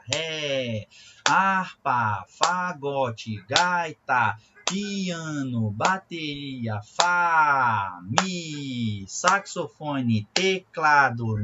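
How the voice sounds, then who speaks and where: A man's voice: sits high, a bit bright, slight background noise. A man with a Brazilian Portuguese accent teaching a recorded music theory lesson. He explains patiently and keeps checking in with tag questions. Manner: chants syllables in rhythm while demonstrating. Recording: dull lo-fi audio.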